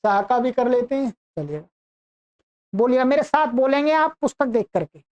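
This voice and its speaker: A woman teaching a language class, reciting verb forms one by one in a slow, deliberate chant for students to repeat. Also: high-pitched, expressive, darkish tone, highs cut off. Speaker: Sanskrit teacher. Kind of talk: reciting verb conjugations in a lesson.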